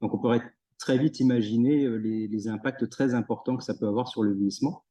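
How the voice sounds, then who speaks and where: A young man answering jury questions at his thesis defense, pausing often with fillers and restarts. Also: mid-range voice, steady tone, dark tone, rough recording. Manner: hesitant, many fillers and restarts. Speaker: PhD candidate defending thesis. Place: university room in a Zoom recording.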